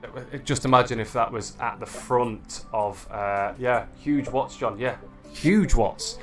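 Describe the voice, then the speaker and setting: A man's voice: medium pitch, measured pace, soft background music. A man hosting a livestream, commentating a virtual bike race in a chatty way and talking to viewers. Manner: excitable, shouts at the finish, chatty with viewers.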